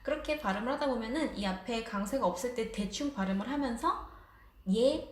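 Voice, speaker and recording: A woman's voice: a little high, animated, fairly quick. Patient woman teacher, echoey room. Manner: patient, explanatory, laughs lightly. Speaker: Russian language teacher. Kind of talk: casual online language lesson.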